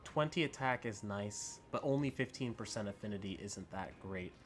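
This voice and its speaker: A man's voice: lowish voice, expressive, normal speed. A man giving casual, unscripted video game commentary as a host, rambling and thinking aloud as he goes. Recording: music under the voice. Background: background music.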